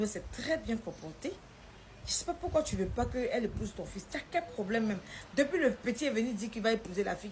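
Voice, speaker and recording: A young woman tells a personal story, acting out the quoted lines in a lively way. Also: medium pitch, a little hiss or hum.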